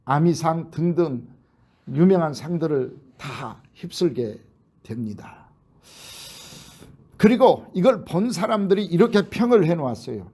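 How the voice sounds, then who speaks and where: Male pastor, high voice with gravel, lively storyteller in a sermon. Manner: animated storytelling, acting out quoted voices. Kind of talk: sermon, retelling a film. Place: church.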